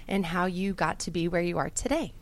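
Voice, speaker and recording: A woman's voice: fairly low pitch, brisk. A woman hosting a business radio interview show, reading sponsor copy and introducing guests in a polished manner.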